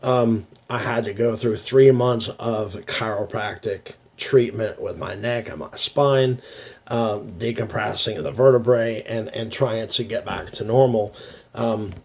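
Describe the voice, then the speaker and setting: American guy vlogging, slow halting speech, dysphonia, works hard to get words out, confiding and casual. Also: fairly low pitch, gravelly, breathy edge. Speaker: YouTube vlogger. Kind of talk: confiding casual talk to viewers.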